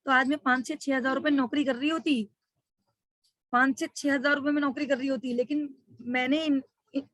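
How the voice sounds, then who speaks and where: A woman's voice: high-pitched, a bit bright, no room sound. A middle-aged woman giving a motivational webinar talk, telling her story with emotion and speaking straight to her listeners as friends.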